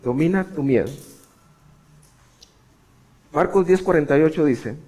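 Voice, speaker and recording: A middle-aged man preaches a sermon in a somewhat high voice. His delivery is emphatic, dropping into quiet asides and then climbing to loud, raised cries. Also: lively intonation, measured pace. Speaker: pastor.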